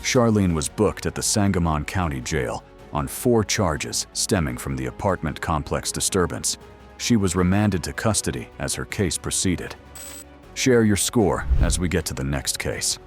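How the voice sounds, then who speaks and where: A man with a very deep voice narrates a true-crime story in measured, dramatic tones. Faint music plays behind the voice-over. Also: animated.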